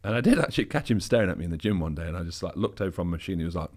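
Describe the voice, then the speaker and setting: A man's voice: deep voice, lively intonation, rapid-fire. A man, a pro bodybuilder guest, telling easygoing anecdotes in a casual interview chat, loose with fillers.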